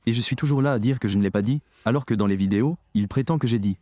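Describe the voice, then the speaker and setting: Emphatic preacher man, dark mellow voice. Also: mid-range voice, rapid-fire, no echo, studio quality. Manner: emphatic, addresses the audience directly. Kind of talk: sermon.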